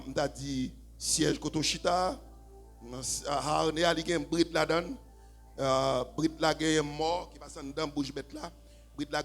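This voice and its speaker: A man with a Haitian accent preaching a sermon in church, swinging from low, quiet talk to shouted, half-sung preaching. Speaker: pastor. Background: faint keyboard.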